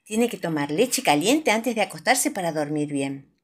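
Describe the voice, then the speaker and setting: A woman voicing a calm male cartoon bear doctor who speaks slowly. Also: fairly low pitch, husky.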